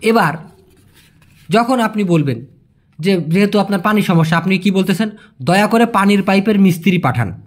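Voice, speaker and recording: A man with a Bangladeshi Bengali accent teaches a language lesson. He explains slowly, repeats each example and calls his listeners brother. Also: high voice, lively intonation. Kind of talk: language lesson for migrant workers.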